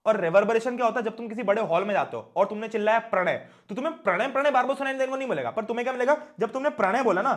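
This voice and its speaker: A man's voice: sits high, very fast, few pauses. A young man teaching an online class, chatty and often asking his students questions.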